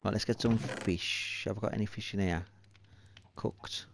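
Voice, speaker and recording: A man's voice: lowish voice, steady tone, moderate pace, vocal fry, background noise. A man hosting a let's-play video, muttering to himself and swearing in exasperation as he plays. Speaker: gaming video host. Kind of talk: let's-play game commentary.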